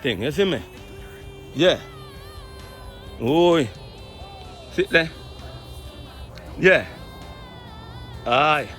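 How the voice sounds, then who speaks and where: A man from Jamaica with a Jamaican accent, giving an excited walking-tour vlog outdoors among fruit trees. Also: on the high side, very slow, pauses often, faint music behind. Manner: exclamatory, excited, keeps repeating "look at this". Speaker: vlogger.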